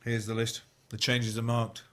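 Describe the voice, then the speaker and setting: An actor playing a nervous accomplice in an audio drama, hesitant, uneasy and questioning. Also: male voice, medium pitch, completely flat delivery, moderate pace, a bit bright, close to an everyday voice. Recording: music underneath.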